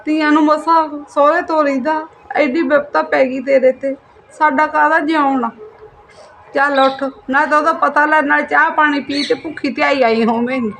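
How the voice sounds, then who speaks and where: A woman plays a grieving, caring mother with a high voice and soft, consoling delivery. There is a faint hiss behind her. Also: steady tone, normal speed. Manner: consoling, mournful. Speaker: mother character.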